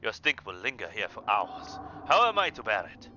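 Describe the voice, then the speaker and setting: A man's voice: on the low side, very animated, normal speed, bright, forceful tone, dull audio, a little hiss or hum, exaggerated voice. A man voicing a haughty, scornful house cat with a French accent and disdainful, half-whispered lines. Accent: French, put on.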